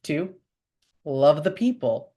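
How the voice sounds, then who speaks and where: A young woman talking casually to her camera in a chatty, animated way. Her voice sits low and dark, and she leans hard on words for emphasis. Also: takes it slowly, breathy edge. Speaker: vlogger.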